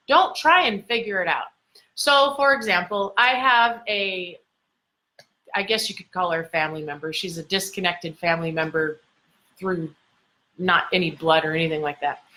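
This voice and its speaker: A woman's voice: medium pitch, pushed and bright. A woman giving a motivational lesson as a communication coach, talking emphatically and repeating her key phrases.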